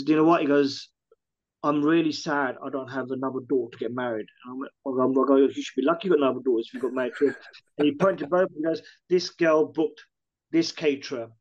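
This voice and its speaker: A man's voice: medium pitch, lo-fi sound. A man who owns a catering business, talking casually in an interview and retelling what his customers said. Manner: chatty, restarts often, retells customer quotes.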